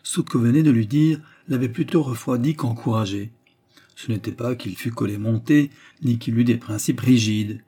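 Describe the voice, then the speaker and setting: A man reading a novel aloud as an audiobook, in steady, measured narration. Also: mid-range voice, breathy edge. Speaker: audiobook reader.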